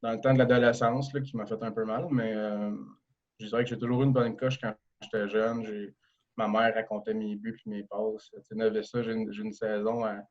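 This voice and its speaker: A man in his thirties with a Québécois accent speaks in a low, flat, even tone. He talks in a relaxed, halting way, full of fillers and restarts. The audio is dull and lo-fi. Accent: Québécois French. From Quebec. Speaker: guest, professional hockey player. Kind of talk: casual podcast interview.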